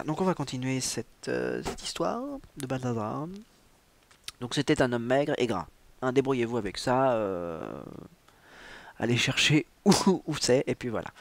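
A man's voice: mid-range voice, gravelly. A man reading a novel aloud, breaking off into digressive, teasing asides full of stock fillers. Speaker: reader and host.

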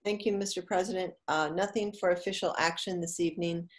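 A woman's voice: lowish voice, a little fast. A woman committee chairwoman giving a short formal report at a virtual council meeting. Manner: flat, formal.

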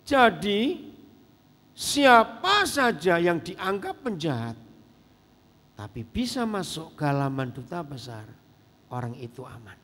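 A middle-aged male pastor preaching a sermon in a lively way, peppering the congregation with rhetorical questions. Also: fairly high pitch, takes it slowly, long pauses. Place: church hall. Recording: reverberant church hall.

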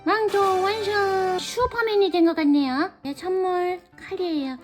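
A woman's voice: very high voice, a little slow. A woman hosting a children's toy show, addressing kids in an exaggerated sing-song way. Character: cute childlike cartoon-cat host persona for kids. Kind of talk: kids' toy show presentation, bright exclamations. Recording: music behind the voice. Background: music.

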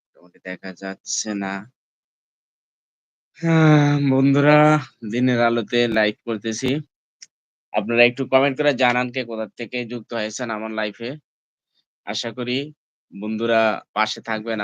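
A man's voice: fairly low pitch, fairly bright tone, clean tone, no room sound, lo-fi sound. A man, streaming live from home on a phone and chatting casually with his viewers, asking them again and again to comment and like. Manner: repeatedly asks viewers to comment and like; calls viewers "brother" and "friends". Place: indoors, at home.

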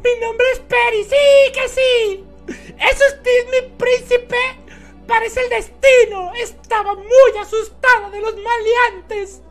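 A giddy, overeager little girl squeals in a sing-song voice far above her speaker's own, bright and sparkly, as a man puts her on for laughs. She is naive and bouncy, with a faint bed of music behind her. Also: very high voice, steady tone, slow, pitched above the performer's own voice, full character voice. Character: bubbly, childish young girl, overeager and naive.

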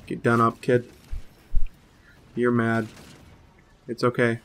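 Bright-voiced young man calling gameplay. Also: medium pitch, slow pace, slight background noise. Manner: excitable trash talk, cursing. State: slightly hoarse, a little sick. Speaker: gaming channel host. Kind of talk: live gameplay commentary.

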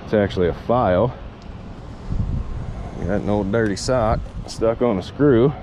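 A man with a warm, lowish voice speaks at a measured pace as he magnet fishes outdoors on concrete by water beneath a road bridge. He chats to his viewers and to himself while working. His chest-mounted action camera captures noisy outdoor sound and ambience.

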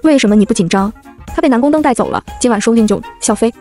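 Here is an arrogant, drunk young male CEO in a storybook reading, all smug, domineering lines. The voice sits somewhat high and moves fast, as a woman narrator puts him on. Faint music plays underneath. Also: lively intonation, warm tone.

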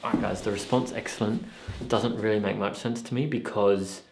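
With a lowish, steady voice marked by vocal fry, a man in his thirties speaks at normal speed while investigating ghosts in a bare basement at night. He questions unseen spirits insistently and comments to camera, with background noise and heavy room echo.

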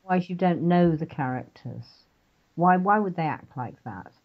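A woman's voice: lowish voice, lively intonation, moderate pace. An older woman from England, an author guest, chatting animatedly in an interview and often laughing. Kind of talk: casual interview chat. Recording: dull lo-fi internet radio audio.

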